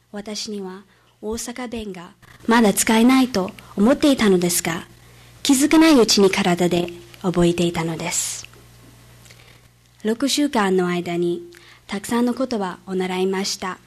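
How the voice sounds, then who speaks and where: A woman from Hawaii, a student, delivering a memorized speech with careful, measured phrasing. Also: medium pitch. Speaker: student speaker.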